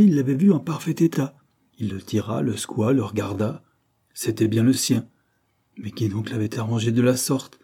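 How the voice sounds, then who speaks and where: Male audiobook narrator, measured delivery, dark mellow tone. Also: lowish voice, creaky, breathy edge. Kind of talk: novel reading.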